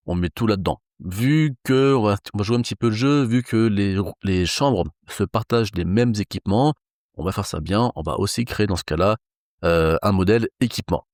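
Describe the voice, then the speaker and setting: A man's voice: lowish voice, darkish tone, no room sound, clean studio sound. A man teaching a live coding lesson, thinking aloud in a casual way with frequent fillers. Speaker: programming instructor.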